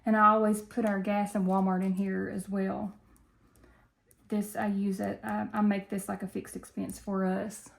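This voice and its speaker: A woman's voice: medium pitch, level tone, normal speed, vocal fry. A woman from Tennessee with a country Appalachian Southern accent, chatting casually and folksily to viewers as the host of a budgeting video.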